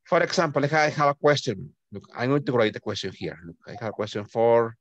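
Man teaching English, lively pitch. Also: no echo, dull audio. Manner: patient, repeats words slowly, drifts quieter at phrase ends. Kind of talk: online class teaching, mixing Spanish and English.

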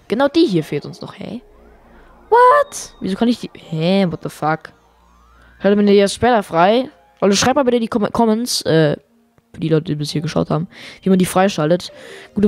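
A woman with a lowish voice gives running commentary on a video game as a let's play host. She talks in an excitable, chatty way, swears freely and tosses in English exclamations. Her voice sounds strained, and faint game music plays behind her. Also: dry recording. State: voice getting strained. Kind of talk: live gameplay commentary.

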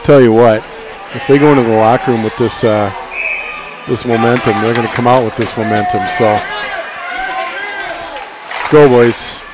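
A man's voice: medium pitch, steady tone, normal speed, pauses often. A middle-aged man giving folksy, partisan play-by-play commentary at a hockey game in an ice arena. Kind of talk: local sports commentary. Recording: loud crowd, noisy arena. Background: crowd and arena noise.

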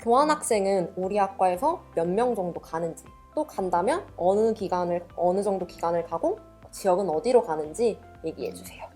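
A woman's voice: mid-range voice, expressive, normal speed, hardly any pauses, mellow, soft background music. A young woman hosting an interview as a student, asking questions in a polite, scripted manner. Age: young adult.

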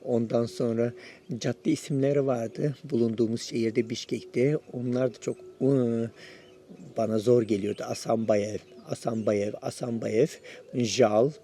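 A man's voice: mid-range voice, steady tone, moderate pace, mellow, a little hiss or hum. A man hosting a casual spoken lesson, encouraging his viewers and repeating his advice as he shares his own experience learning a language. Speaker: YouTube host sharing his Russian learning.

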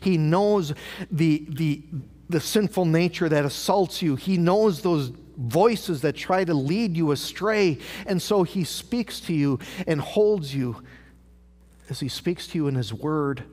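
Pastor preaching in a reverberant church. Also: male voice, a little high, slow, darkish tone. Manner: rhetorical questions, repeated phrases. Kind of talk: sermon. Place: large church sanctuary. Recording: live church broadcast with long hall reverb.

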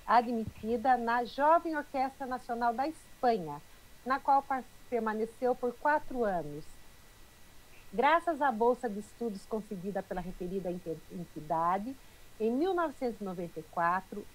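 A woman's voice: on the high side, a little mellow, rough recording. A middle-aged woman with a Brazilian accent, hosting a video call on earbuds, introducing a speaker and reading aloud. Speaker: event host. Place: indoor room. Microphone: wired earbuds on a video call.

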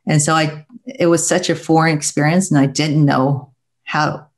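A middle-aged woman from Taiwan, a guest speaking earnestly and reflectively with soft laughs, heard over earbud mic on a video call from a home room. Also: deep voice, steady tone, normal speed. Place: home room with bookshelves, indoors. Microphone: wired earbuds headset on video call.

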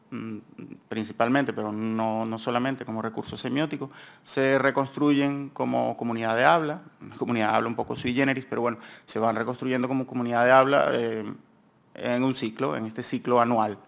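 A man's voice: mid-range voice, creaky. A man with a Peninsular Spanish accent giving an academic conference talk in a university seminar room, rambling informally and correcting himself as he goes. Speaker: conference speaker presenting research.

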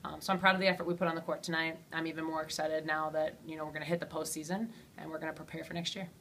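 Low, flat-voiced woman coach. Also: rapid-fire, a little hiss or hum. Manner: steady, many ums and you-knows. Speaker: head basketball coach. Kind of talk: postgame interview.

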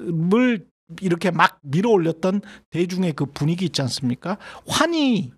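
A middle-aged man delivers solo market commentary in a somewhat high-pitched voice. He talks in a loose, conversational way, padding with fillers and restarting phrases as he explains the numbers. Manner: conversational with many fillers and self-corrections. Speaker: host of an economics commentary channel.

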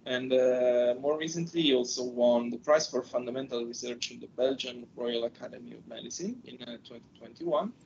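A man hosting a webinar and introducing a guest speaker over a video call, heard through a screen recording, speaking haltingly with frequent fillers. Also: creaky, darkish tone. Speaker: webinar host. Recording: dull lo-fi audio with faint rumble.

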